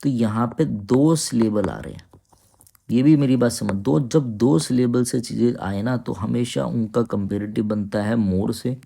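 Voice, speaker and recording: A man with a medium-pitched, gravelly and warm voice teaches an exam-prep English grammar lesson. He explains patiently, keeps asking "ठीक है?" to make sure students are following, and reads English sentences slowly and deliberately.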